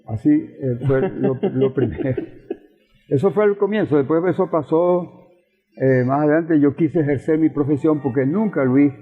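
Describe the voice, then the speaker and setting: The speaker is an older man with a Venezuelan accent, an interview guest who is a professor and politician, reminiscing and explaining in a conversational style. His voice is a little high and husky, at a moderate pace, and he's emphatic and given to repetition. Faint music sits beneath a thin, phone-like recording with roomy reverb.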